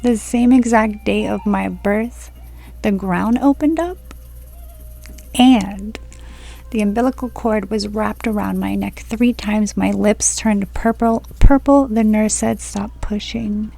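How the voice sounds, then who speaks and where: A woman in her forties from Florida telling a personal story from home in a slow, rambling monologue that drifts onto tangents. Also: mid-range voice, gravelly, dark tone, soft background music. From Florida, USA. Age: 40s. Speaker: spiritual video creator. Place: at home, indoors.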